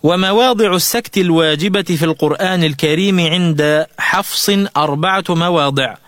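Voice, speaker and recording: A man giving a slow, scripted tajweed lesson on the radio, explaining rules and chanting melodic examples. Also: a little high, a bit bright, no room sound, studio quality. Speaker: Quran recitation teacher. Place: radio studio.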